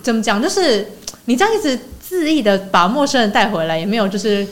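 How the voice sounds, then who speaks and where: A woman's voice: a little high, lively intonation, quick pace. A woman, co-hosting a podcast in a chatty, teasing way. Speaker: podcast co-host. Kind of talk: casual chat.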